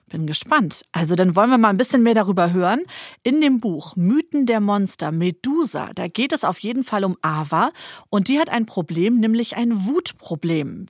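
A woman hosts a children's book show in a lively, chatty way and keeps turning to her guest. Her voice sits at a middle pitch. The sound is dry, with no room echo. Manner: lively, chatty, often adds tag questions. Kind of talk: radio show presentation.

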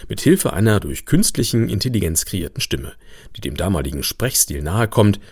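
A man's voice: fairly low pitch, very animated, moderate pace, darkish tone, husky, no room sound, clean studio sound. A man reading scripted documentary narration as the narrator of a radio feature.

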